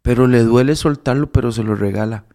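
A man's voice: medium pitch, a little fast, mellow. A man telling a moral story in casual preaching talk, with many restarts, who builds to emphatic, raised preaching. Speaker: devout storyteller giving spiritual counsel.

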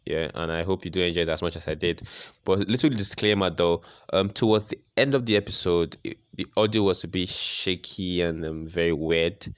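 Deep-voiced laid-back podcast host. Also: male voice, brisk, hardly any pauses, clean tone. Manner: laid-back, lots of ums. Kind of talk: relaxed podcast intro. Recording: dull lo-fi audio, faint music behind.

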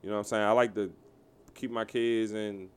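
A man's voice: lowish voice, little pitch movement, brisk, smooth. A man in his thirties talking candidly and profanely in a casual podcast chat, leaning on emphatic filler phrases. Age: 30s. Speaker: podcast co-host and DJ.

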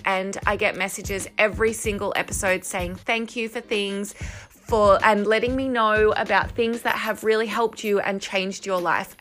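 A woman's voice: mid-range voice, a bit bright. A woman hosting a solo podcast, talking earnestly and encouragingly to listeners, recorded at home with headphones used as the mic. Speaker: podcast host and coach. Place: room at home. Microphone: headphones used as microphone.

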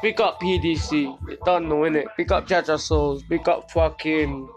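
A middle-aged man with a south London accent talks in a high voice for a man. He chats casually as a podcast host, peppering his talk with street slang, swearing and tag questions. Music plays clearly behind him. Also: fairly even intonation, normal speed, highs cut off. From Brixton, south London.

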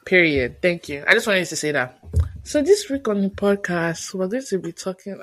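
A woman co-hosting a podcast, chatting casually with a playful, teasing edge and bursts of mock exasperation. Her voice sits at a middle pitch and is recorded close and dry, with no room sound. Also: very animated, moderate pace, a bit bright, dry recording. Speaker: podcast co-host. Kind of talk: casual chat.

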